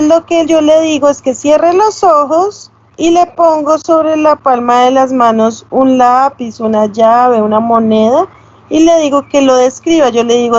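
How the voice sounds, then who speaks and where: A high-pitched woman teaches a class, explaining terms patiently and asking her students if they follow. The sound is a little dull and lo-fi, picked up by a computer mic. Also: darkish tone. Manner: explanatory, checks with tag questions. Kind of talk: online class lecture.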